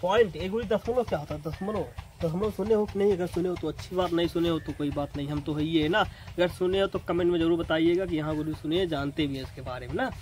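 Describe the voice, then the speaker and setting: A man's voice: fairly high pitch, fast talker, few pauses, darkish tone, poor audio. A man teaching basic math in a casual classroom way, repeating each point and tagging lines a questioning "na". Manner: talks straight to students, repeats points with "na" tags.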